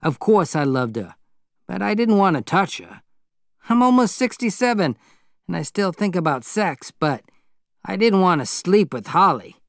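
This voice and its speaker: A man's voice: sits high, big pitch swings, normal speed, creaky, no echo, studio quality, voice pushed up, full character voice. A man voicing a wistful older man of nearly sixty-seven who speaks in an earnest, confiding way in an audiobook. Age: 60s. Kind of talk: audiobook character voice.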